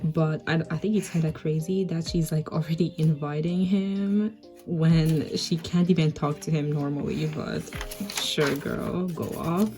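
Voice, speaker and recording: A woman's voice: low-pitched, steady tone, moderate pace, music in the background. A woman talking through her old comic in a casual voice-over, rambling and self-mocking, with lots of 'like'. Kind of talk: casual art commentary voice-over.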